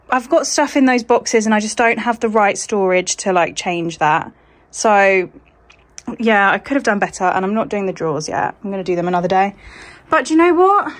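A woman's voice: fairly high pitch, a bit bright, low-quality recording. Chatty woman vlogging at home. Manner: chatty, rambling, self-deprecating. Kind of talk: casual vlog chat to camera. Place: bedroom at home, indoors. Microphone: phone camera.

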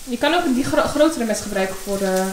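A woman's voice: fairly high pitch, expressive, fast talker. A woman chatting casually as she helps out with a home cooking video. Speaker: vlogger's partner helping and filming. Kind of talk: casual chat. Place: home kitchen with food sizzling. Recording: echoey kitchen, clear background noise.

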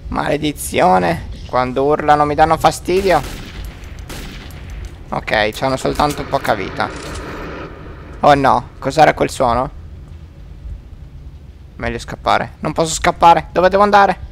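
Gravelly man exclaiming over a game. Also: fairly high pitch, a little slow, pauses often, slight background noise. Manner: chatty, exclaiming, joking at the game. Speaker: let's play host. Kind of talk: gameplay commentary.

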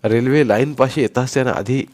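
A man reading a short story aloud in a dramatic, measured way. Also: mid-range voice, a little mellow, no room sound. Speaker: audiobook narrator. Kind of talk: scripted story narration.

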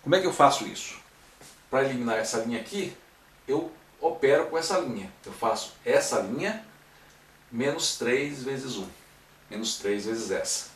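A man explains a math lesson in steps, frequently checking in with his students along the way. His mid-range voice is a bit bright. The classroom-style lecture recording is echoey, with the mic at a distance.

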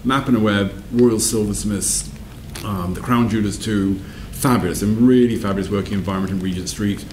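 An older man of around 60 from south-west England speaks at a normal pace in a low, darkish voice, and the space sounds roomy, with a little hiss or hum. He is being interviewed as a whisky company's managing director, telling stories reflectively indoors in a wood-panelled room by a fireplace.

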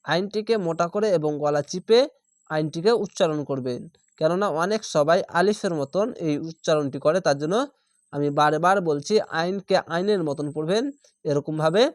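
With a slightly high voice and a moderate pace, a man leads a step-by-step lesson in reading the Quran. Letter by letter and syllable by syllable, he repeats the sounds and stretches the vowels before forming words, in a dry, studio-quality recording.

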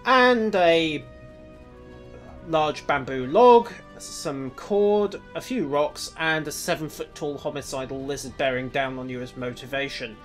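A man's voice: on the high side, measured pace, faint music behind. A man casually commenting on his gameplay with dry, wry asides. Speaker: let's play host.

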